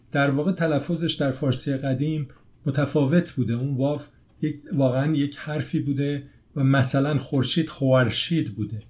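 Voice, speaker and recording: A man's voice: mid-range voice, darkish tone. A man hosts a discussion in a conversational way. He adds his own thoughts, then steers the talk on to the next point. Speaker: host.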